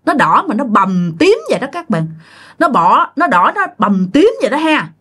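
Animated woman telling a ghost story. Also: a little high, moderate pace, breathy edge. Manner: animated, frequent exclamations and direct asides to listeners.

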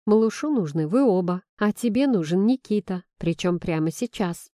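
A woman's voice: mid-range voice, expressive, moderate pace, mellow, no room sound, lightly acted. A woman voicing a caring young female friend who talks in a soothing, persuasive way, recorded dry and close. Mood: coaxing. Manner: coaxing and soothing.

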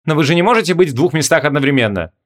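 A man's voice: a little high, lively intonation, rapid-fire, natural voice. A man voicing a polite, thoughtful king in an audiobook, courteous and composed.

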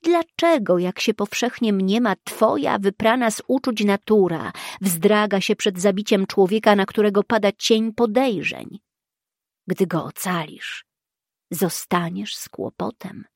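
Woman doing a gruff threatening male assassin, slow and harsh, dry sound. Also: medium pitch, no echo. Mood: hostile.

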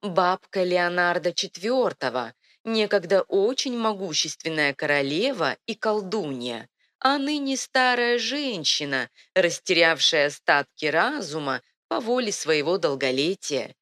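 A woman's voice: fairly low pitch, very animated, unhurried, a bit bright, pitched above the performer's own voice. A woman voicing a sly, condescending male court advisor in an audiobook. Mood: smug. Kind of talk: audiobook reading.

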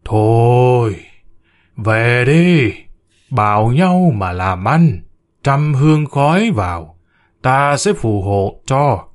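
A man voicing a stern male ancestral spirit who speaks through a medium, slow, solemn and commanding. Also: medium pitch, very animated.

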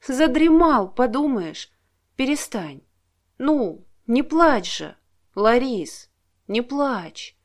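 A woman voicing a gentle, apologetic young man who talks slowly and quietly. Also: high-pitched, sing-song, exaggerated voice. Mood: soothing apologetic. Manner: slow, soft, quiet.

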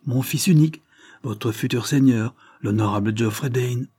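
A man's voice: mid-range voice, normal speed, warm tone, slightly rough, natural voice. A man reading the part of a proud, emotional old English lord in an audiobook, making solemn, heartfelt speeches.

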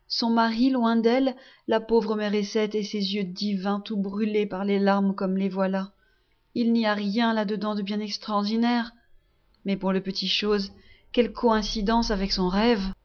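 A woman with a mid-range voice narrates a classic novel in a measured, expressive audiobook reading. The sound is slightly dull, a modest home recording. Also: mid-range voice. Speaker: audiobook reader. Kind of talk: literary narration.

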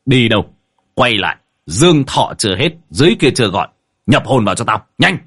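A man's voice: sits low, very animated, fast talker, husky, exaggerated voice. A man doing Cậu Tẩy, a cocky foul-mouthed young ghost-catcher. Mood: commanding. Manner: shouting, swearing, bossing.

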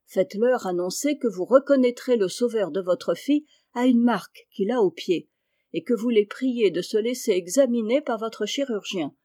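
A woman's voice: a little high, moderate pace, mellow, no room sound, clean studio sound, lightly acted. A woman doing a tearful pleading young lady. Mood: earnest. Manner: pleading, emotional.

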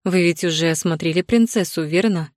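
A woman voicing a haughty, scheming aging stepmother who sneers and turns shrill. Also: brisk, darkish tone, no room sound, clean studio sound, lightly acted. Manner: sneering, shrill when upset. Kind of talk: audiobook character voicing.

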